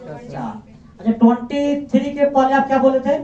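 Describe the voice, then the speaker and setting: In an indoor classroom, a man teaches and quizzes his students, firmly repeating each answer back to them. His voice is very high-pitched and expressive, with a dark tone and a moderate pace. The recording sounds echoey, distant and dull.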